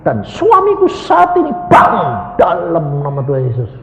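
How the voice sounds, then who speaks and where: A sobbing, overjoyed woman, as a male preacher puts her on in a sermon story, her voice jumping high as she cries out her faith. The sound rings through a large echoing hall. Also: wildly swooping pitch, normal speed, creaky, a bit bright, exaggerated voice. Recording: echoey hall with reverb.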